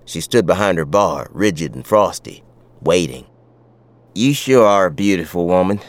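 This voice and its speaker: A man's voice: deep voice, lively intonation, moderate pace. An actor playing a wry, tough frontier sheriff who tells his western story in folksy talk with an American West accent. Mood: wry, reflective. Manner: folksy, colloquial. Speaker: narrator and lead character. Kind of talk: dramatized first-person western storytelling.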